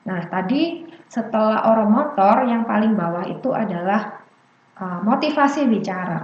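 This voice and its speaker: A woman presenting an online parenting seminar on speech development, chatty and explanatory, often rounding off points with a tag word. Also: medium pitch. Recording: echoey, dull lo-fi audio.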